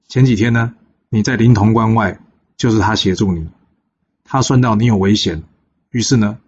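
A calm, self-assured young Taoist disciple, as a storyteller puts him on, speaking in a husky, low voice. He sounds easygoing and reassuring. The recording is dull and lo-fi.

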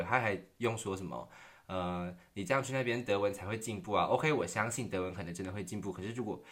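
低沉的台湾口音年轻男生闲聊. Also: male voice, low voice, fairly bright tone. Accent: Taiwanese Mandarin. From Taiwan. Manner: chatty, self-deprecating, laughs often, acts out dialogue. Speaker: vlogger. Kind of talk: casual storytelling monologue. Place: quiet room.

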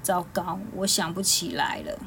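A woman voicing a clumsy, excitable boy hero who cries easily, talking fast and pleading. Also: on the low side, creaky, a little hiss or hum. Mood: boastful, flustered.

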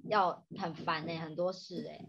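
A woman's voice: on the low side, steady tone, normal speed, fairly bright tone, slightly rough, highs cut off. A woman with a Taiwanese Mandarin accent chatting casually and candidly, with a grumbling conversational manner. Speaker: podcast co-host. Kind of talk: casual chat.

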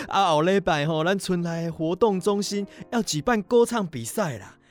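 A woman's voice: lowish voice, expressive, close to an everyday voice. A woman doing a jolly old Taiwanese grandma. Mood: jolly, coaxing. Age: older. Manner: rapid, chuckling folksy chatter.

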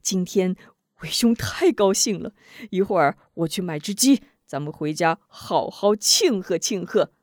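A woman voicing a thoughtful senior male martial brother who speaks in a measured, deliberate way. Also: medium pitch, big pitch swings, slightly rough, dry recording, studio quality, heavily acted. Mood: measured, warm.

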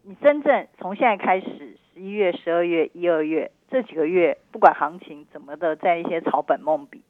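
A woman's voice: on the low side, lively intonation, fairly quick. Over a narrow, tinny phone line, a middle-aged woman with a Taiwanese Mandarin accent speaks as an investment analyst. She is emphatic and cautioning, with a dry sound and no room echo. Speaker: investment analyst, radio guest. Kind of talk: live market commentary interview.

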